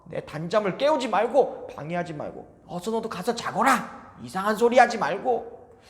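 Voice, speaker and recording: A storytelling preacher voicing Eli, an old, sleepy, grumpy priest who scolds loudly. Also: mid-range voice, lively intonation, normal speed, in a large hall, voice pushed up, lightly acted. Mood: scolding. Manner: loud, scolding.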